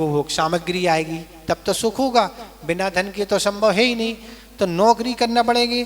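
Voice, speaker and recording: A man teaching a verse class, who chants verse lines slowly and then patiently explains their meaning. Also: sits high, fairly bright tone, in a large hall. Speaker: Jain monk teaching scripture recitation. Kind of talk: slow scripture class.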